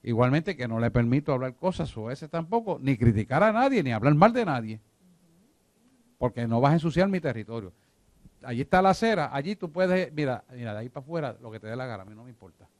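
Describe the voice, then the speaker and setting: The man's voice is mid-range and darkish, moving fast with big swings in pitch, on a dry recording. He teaches a church discipleship class emphatically, saying things more than once and often asking whether listeners follow.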